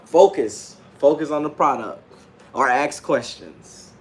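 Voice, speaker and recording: This livestream host and self-published author, a man in his late thirties, talks unscripted in a slightly high, animated voice at a slow pace. He sounds self-assured and slangy, repeats himself, and keeps saying "man." There's a little background noise.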